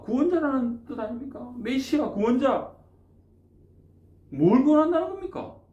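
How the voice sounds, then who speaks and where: Animated male pastor preaching in an echoey church. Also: sits high. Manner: animated, asks the congregation rhetorical questions; emphatic, with sudden raised bursts. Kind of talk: sermon. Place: church sanctuary.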